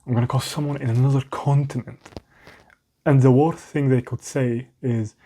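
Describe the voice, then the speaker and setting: Talking to the camera in a small room at home, a young vlogger with a non-native English accent rambles candidly, frequently making fun of himself and starting sentences over. His dark, mid-range voice has fairly even intonation and normal speed.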